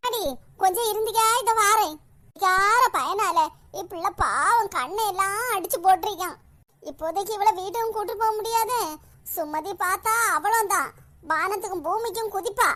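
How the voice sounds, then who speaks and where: A woman voicing a worried village grandmother with a Kanyakumari Tamil accent in an animated cartoon, calling out anxiously. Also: extremely high pitch, normal speed.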